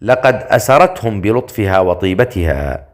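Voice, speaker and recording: A man voicing a stern, confident male leader in an audiobook story, with a dry, measured delivery. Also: fairly low pitch, sing-song. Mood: calm. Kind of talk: audiobook character voice.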